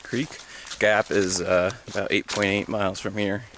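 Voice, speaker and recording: A young man casually vlogging while hiking a mountain trail, talking in a halting, easygoing way with many fillers, sometimes out of breath. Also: sits low, flat delivery. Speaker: thru-hiker vlogger. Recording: outdoor clip with clear background noise.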